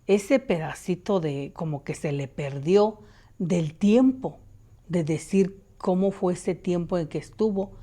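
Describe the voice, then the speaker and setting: A woman's voice: lowish voice, mellow. A woman telling a story from her family in a casual, rambling way, full of fillers, sometimes taking on her mother's voice.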